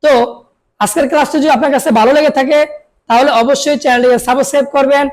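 A woman's voice: high voice, fairly even intonation, racing, a little mellow. A young adult woman teaching Quran reading, spelling out syllables and repeating each word several times for students to say after her. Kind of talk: call-and-repeat reading lesson.

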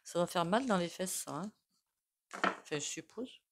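A woman with a noticeable accent lays out tarot cards and talks them through casually. Her voice sits a bit low, and she wanders into fillers and side remarks. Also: expressive, moderate pace, heavy background noise. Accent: non-standard French accent. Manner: chatty, many fillers and asides. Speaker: tarot reader. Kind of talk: casual spoken tarot reading.

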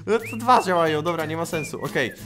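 A man giving excitable, playful gameplay commentary as a gaming YouTuber, often shouting out. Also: fairly high pitch, fast talker, music in the background.

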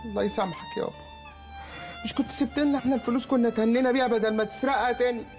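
An actor with an Egyptian Arabic accent playing a broke, hungry brother who whines and pleads for food in a TV comedy series. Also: male voice, very high voice, fairly even intonation, very fast, a little mellow, soft background music. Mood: whiny. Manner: whiny, pleading, self-pitying.

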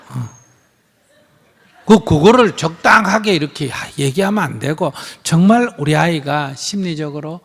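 A man's voice: fairly high pitch, vocal fry, breathy edge. A man with a Gyeongsang accent, a Buddhist monk answering questions in a live teaching, blunt and emphatic, acting out bits of dialogue. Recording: hall reverb.

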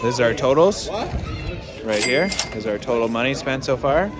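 A man's voice: mid-range voice, animated, moderate pace, crowd noise. A man in his twenties hosting a casual, joking vlog, talking straight to a handheld camera and swearing casually. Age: 20s. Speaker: vlogger and host. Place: ski hill outdoors and indoor lodge rooms. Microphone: handheld action camera at arm's length.

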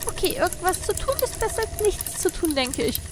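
A woman's voice: extremely high pitch, lively intonation, fairly quick, noisy background. A woman voicing a curious, polite little girl in game dialogue, childlike and inquisitive. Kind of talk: game dialogue read aloud.

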